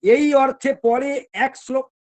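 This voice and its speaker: A man teaching a devotional scripture class, slowly chanting verses and then explaining them with questions. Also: very high-pitched, steady tone, a little mellow. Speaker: preacher.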